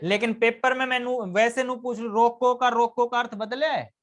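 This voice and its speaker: A man's voice: very high voice, fairly even intonation, moderate pace, a bit bright. A man teaching a live grammar lesson, constantly quizzing his students with questions and answering them himself.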